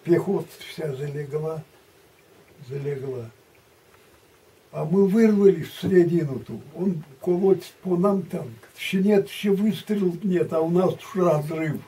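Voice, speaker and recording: An elderly man reminisces like a grandpa spinning a rambling story, halting and repeating himself in plain colloquial words. His voice is slightly high for a man and very soft-edged and dark in tone. It is picked up a little away from the mic. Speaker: war veteran recounting memories. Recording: distant mic, muffled, background noise.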